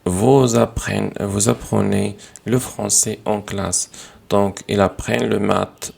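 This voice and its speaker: Slow gravelly male teacher. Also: fairly low pitch, steady tone, darkish tone. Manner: slow, methodical, repeating and correcting sentences. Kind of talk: classroom grammar lesson.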